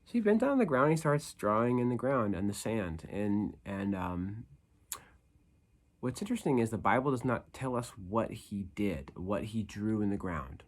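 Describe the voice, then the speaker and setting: In a fairly low voice at normal speed, a man delivers a casual devotional for young people, reading scripture along the way. His style is that of a lively youth pastor, slangy and conversational, hammering points home through repetition.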